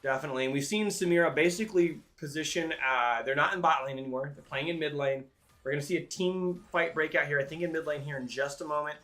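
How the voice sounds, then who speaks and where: A man giving live play-by-play commentary on a video game match in an excitable announcer style. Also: a little high, fast. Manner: excitable announcer-style calls that swell at big plays. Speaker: esports commentator, play-by-play caller.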